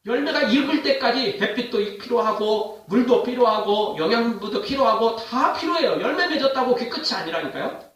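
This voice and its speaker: High-pitched preacher in an echoey church. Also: male voice, fairly quick, distant mic. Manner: animated preaching with rhetorical questions. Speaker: pastor. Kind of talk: sermon. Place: church sanctuary.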